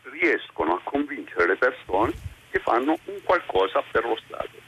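A man's voice: mid-range voice, very animated, moderate pace, gravelly, sharp tone, slight background noise. An older retired man calling in to a radio talk show over the phone, talking indignantly and arguing about politicians. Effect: voice over a phone line into a radio show.

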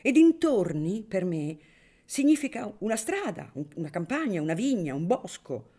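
A woman's voice: medium pitch, very animated, normal speed, dark tone, voice pushed up. A woman reading an audiobook, voicing a sly, pompous middle-aged male lawyer who declaims as if in court. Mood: declaiming.

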